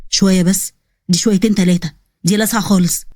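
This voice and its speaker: A woman doing a gruff young Egyptian officer. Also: medium pitch, steady tone, quick pace, mellow, dry recording, studio quality, pitched below the performer's own voice, lightly acted. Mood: annoyed. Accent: Egyptian Arabic. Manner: blunt, exasperated scolding. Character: gruff young male police officer, short-tempered.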